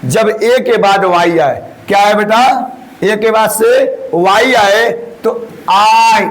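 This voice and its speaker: A man's voice: high voice, takes it slowly, a bit bright, poor audio. A man teaching English pronunciation, drilling word lists and repeatedly addressing students as children. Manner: repeats word lists, calls listeners beta ji. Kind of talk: classroom-style pronunciation lesson.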